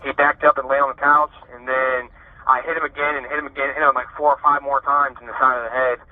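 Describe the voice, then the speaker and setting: An Ohio man in his 30s, serving time, gives an interview by prison phone, and the line sounds tinny with a little hiss or hum. His medium-pitched voice is flat as he recounts his personal story frankly, stumbling, restarting and using lots of fillers.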